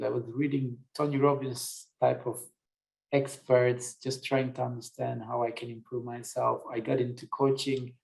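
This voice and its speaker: A man's voice: mid-range voice, vocal fry, darkish tone, poor audio. A middle-aged man from Turkey, speaking in a webinar discussion, reflective and thinking aloud with frequent fillers. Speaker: panelist.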